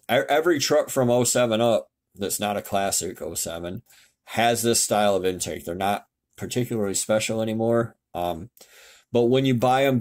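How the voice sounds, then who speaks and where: A man's voice: on the low side, darkish tone. A man giving a casual, blunt tutorial over a screen share, swearing now and then and correcting himself as he goes. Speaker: car tech YouTuber explaining fuel systems. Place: home, indoors.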